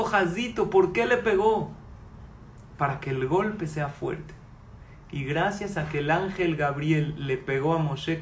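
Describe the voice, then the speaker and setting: Animated man in his forties teaching. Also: on the high side, roomy sound, a little hiss or hum. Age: 40s. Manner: animated, asks the audience rhetorical questions. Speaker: Torah teacher. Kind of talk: religious class to a live audience. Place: room with a live audience.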